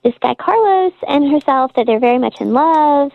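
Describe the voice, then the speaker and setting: A woman's voice: high-pitched, expressive, moderate pace, creaky, no echo. A woman calling in to a radio show, her voice disguised by a morphing voice changer, talking hesitantly with many fillers. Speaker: radio call-in caller. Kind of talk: casual phone chat. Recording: dull lo-fi phone line.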